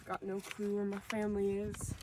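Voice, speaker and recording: A young woman acting a grieving Cuban civilian woman who has turned to drugs, speaking deadpan in an amateur skit. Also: medium pitch, normal speed, natural voice. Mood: mournful. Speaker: student actor. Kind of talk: amateur school-project skit. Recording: noisy amateur recording.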